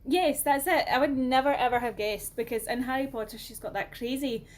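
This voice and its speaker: A Scottish woman with a somewhat high voice talks on a podcast. She chats in a relaxed, expressive way about films she has watched. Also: a little fast. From Scotland. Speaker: podcast co-host. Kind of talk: casual film discussion.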